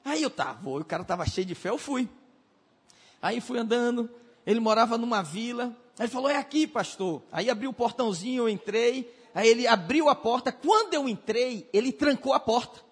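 A male pastor preaching and telling animated stories, acting out other people's voices and shouting at the climaxes. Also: extremely high pitch, a little fast, slightly rough. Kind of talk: sermon with storytelling. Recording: hall reverb.

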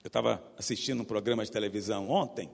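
A preacher from Goiás, Brazil, with a Goiás accent, giving a sermon and swinging from loud emphatic bursts to low hushed asides. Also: male voice, quick pace, creaky. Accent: Goiás Brazilian Portuguese. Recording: long hall reverb.

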